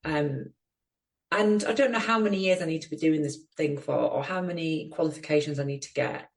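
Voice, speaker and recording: Middle-aged female podcast co-host, low voice, reflective and sincere. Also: fairly quick, vocal fry. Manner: reflective, earnest, many you-knows. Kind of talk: casual chat.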